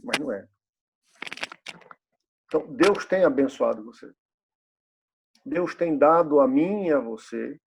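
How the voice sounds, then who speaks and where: A man's voice: fairly high pitch, creaky, darkish tone, muffled recording, slight background noise. A pastor in his fifties preaching a sermon in a church, asking the congregation rhetorical questions and repeating key phrases. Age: 50s.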